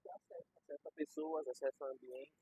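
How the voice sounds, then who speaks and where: A man's voice: on the high side, fairly even intonation, fast talker, warm tone, slightly rough, dry recording. A young man with a Brazilian Portuguese accent, chatting casually and explaining ideas with everyday examples and slang. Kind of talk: casual conversation. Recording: dull lo-fi recording.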